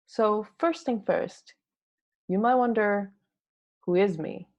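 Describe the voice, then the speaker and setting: A woman from Taiwan giving a prepared tech talk as a conference speaker, explaining things in a measured way. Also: mid-range voice, darkish tone. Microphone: home recording for online talk.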